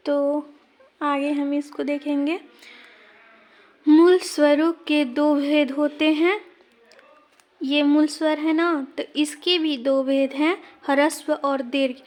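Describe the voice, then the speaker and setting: Woman teacher, exam-prep grammar lesson; slow, deliberate, points at examples as she goes. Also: sits high, fairly even intonation, darkish tone.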